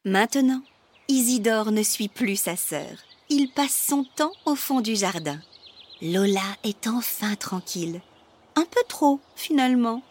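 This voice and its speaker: Slow, expressive woman reading a children's story. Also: mid-range voice, slightly rough. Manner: slow, expressive, drops to whispers.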